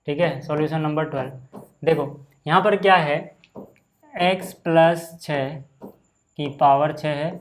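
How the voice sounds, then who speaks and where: A man teaching a maths lesson in a relaxed, chatty way, often saying "okay" and calling his students "brother". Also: fairly high pitch, measured pace, pauses often. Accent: Hindi. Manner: casual, repeats "ठीक है" and "भाई" often. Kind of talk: screen-recorded maths lesson.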